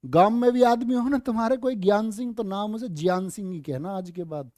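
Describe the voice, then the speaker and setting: A male Hindi teacher giving an exam-prep lesson, quizzing students with rhetorical questions, joking asides and slow, careful pronunciation drills. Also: sits high, dark tone, no room sound, clean studio sound.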